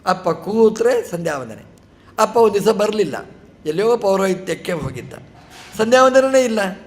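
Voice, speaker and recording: A man's voice: sits high, sing-song, normal speed. A man giving a religious discourse, telling a scripture story in a sermon style with rhetorical questions and short acted-out dialogue.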